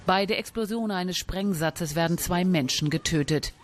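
A woman reporting as a news correspondent, reading her report clearly and answering live with some hesitations. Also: lowish voice, moderate pace, background noise. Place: on location outdoors.

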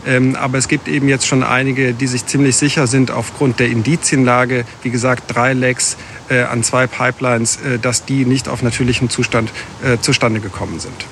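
A man's voice: medium pitch, fairly even intonation, moderate pace, a bit bright, a little hiss or hum. A man reporting live as correspondent, hesitant, with fillers. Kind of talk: live news interview.

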